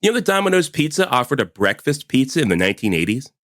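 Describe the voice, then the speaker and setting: Quick and sing-song in a mid-range, fairly bright voice, a man in his forties co-hosts a podcast, keeping the conversation casual, laughing a lot, and sprinkling in plenty of "like." The sound is studio quality with no room sound.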